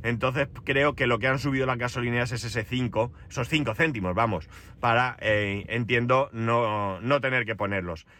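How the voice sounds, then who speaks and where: A man's voice: medium pitch, moderate pace, pushed and bright. A middle-aged man from Spain with a Spanish accent and a head cold, giving a casual, wry, grumbling personal monologue as a podcast host. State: has a head cold with runny nose.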